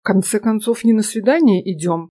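Brief: ironic young guy student, read by a woman, mellow dry tone. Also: medium pitch, fairly quick, dry recording, natural voice. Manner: ironic, indignant. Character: sarcastic young male student, first-person hero.

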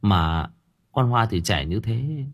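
A man's voice: on the low side, expressive, slow, exaggerated voice. A man voicing a jumpy, easily spooked young man who talks bluntly, in an audio story. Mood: mournful. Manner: blunt, insistent, crude slang.

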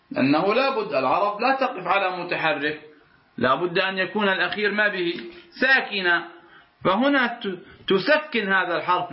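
A man teaching Quran recitation rules, asking his listeners "what?" and answering himself, and drawing out each word he demonstrates. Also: high-pitched. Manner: drawls out the words he demonstrates. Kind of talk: explaining a recitation rule line by line. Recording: roomy, dull lo-fi sound.

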